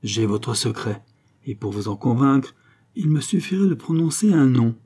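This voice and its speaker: A man reading a lovesick, jealous young gentleman. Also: medium pitch, big pitch swings, normal speed. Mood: threatening. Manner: pleading, impassioned.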